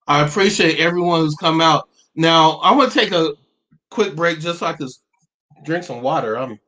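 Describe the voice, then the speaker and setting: A man in his forties hosts a livestream in a somewhat high voice, speaking earnestly. He halts and restarts often, and now and then laughs at himself as he reads out viewer comments. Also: bright, forceful tone. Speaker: livestream host. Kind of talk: live-streamed talk reading viewer comments.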